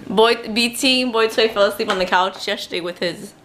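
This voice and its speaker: A woman's voice: mid-range voice, brisk, slight background noise. A woman, a stay-at-home mom, chatting casually at home for her family vlog while filming on a handheld camera. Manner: chatty, animated, laughs often.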